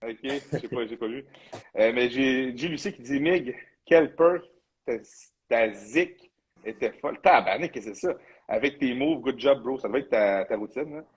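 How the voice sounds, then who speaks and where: A man with a Quebec French accent chats loosely as a bodybuilding coach hosting a show. His voice sits at a middle pitch with a husky, slightly rough edge. He talks freely and drops English slang into his sentences. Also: moderate pace, poor audio. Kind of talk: casual live chat.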